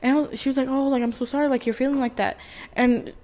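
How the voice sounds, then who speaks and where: Profane, animated young woman telling a story. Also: high-pitched, quick pace, low-quality recording. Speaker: podcast co-host. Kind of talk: casual storytelling chat.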